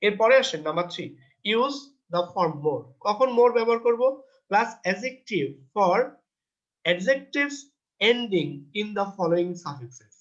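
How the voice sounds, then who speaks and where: A man teaching English grammar in a test-prep lecture. He asks himself questions and answers them, and he reads the English rules out slowly before explaining them. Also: high voice, lively intonation, fairly bright tone, muffled recording.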